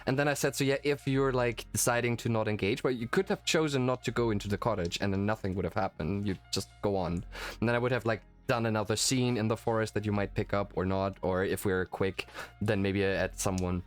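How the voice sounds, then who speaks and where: A native German speaker acting as game master and host chats casually after a game, rambling enthusiastically. His voice is on the low side, steady in tone, and brisk, with faint music playing in the background.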